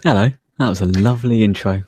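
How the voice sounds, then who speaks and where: A man's voice: lowish voice, steady tone, fast talker, mellow, no echo, studio quality. A man co-hosting a casual gaming podcast, laid-back with short replies. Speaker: podcast co-host.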